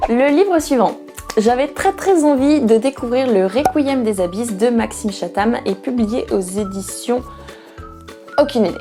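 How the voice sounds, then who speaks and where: Mellow-voiced woman chatting about books. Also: on the high side. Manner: chatty, playful, frequent fillers and asides. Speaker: book vlogger. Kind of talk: casual book talk to camera. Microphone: camera mic.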